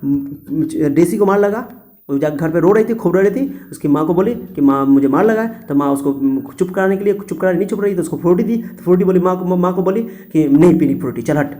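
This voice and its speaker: Chatty young male teacher, slightly high and mellow, explains a memory trick. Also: a little fast. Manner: chatty, acts out voices in the story.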